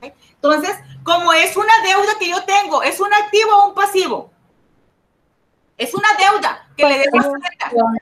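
Her voice is extremely high and fairly bright, expressive and moderately paced as she runs an online accounting class. She often checks that students are keeping up, asking them questions and repeating key ideas.

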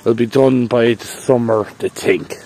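Walking through falling snow on a park path, this Irish vlogger chats and rambles into a phone at arm's length, breaking into playful sing-song now and then. He speaks at a measured pace in a medium-pitched, darkish voice. Faint outdoor ambience sits in the background.

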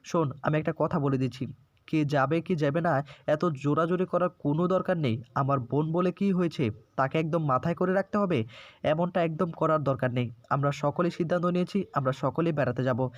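A bossy elderly great-aunt lays down the law in blunt lines, voiced by a man. The voice sits a little high and the sound is dry and close. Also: fairly quick, no echo, muffled recording, lightly acted. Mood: commanding. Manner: commanding, blunt.

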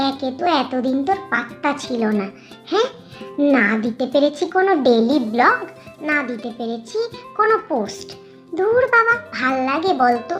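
In a high-pitched voice, a woman plays a cartoon story's female ghost servant who is sharp-tongued and fed up, scolding and grumbling in rustic speech.

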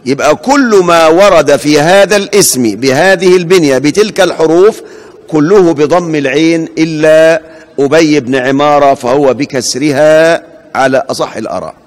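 An Egyptian man with a fairly high voice gives a classroom lecture, tossing questions to his students and repeating names slowly to fix their pronunciation. His voice rings with the long reverb of a large mosque hall. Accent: Egyptian Arabic. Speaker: hadith professor.

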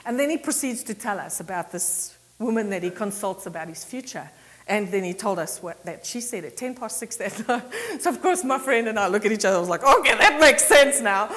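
A woman pastor from South Africa preaches in a relaxed, chatty way, laughing often and acting out the people in her stories. Her voice sits fairly high for a woman. A long church-hall reverb trails behind every phrase. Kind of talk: conversational sermon with storytelling. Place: church sanctuary.

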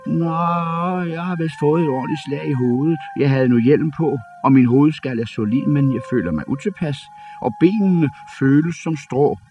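A man voicing a small, excited male hobbit who cries out in a high, eager voice. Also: lo-fi sound, soft background music, natural voice. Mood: dazed.

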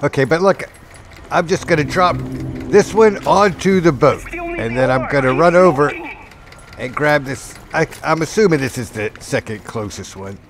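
A man's voice: on the high side, animated, moderate pace, crowd noise. A man casually narrating a game walkthrough, rambling and laid-back with many fillers. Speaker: gaming video host.

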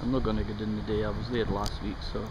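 Out on canal paths and roadsides, a chatty Scottish vlogger cycles and rambles along, pointing things out in a fast, level, lowish voice. An action camera held or mounted on the bike picks up his commentary along with traffic and wind.

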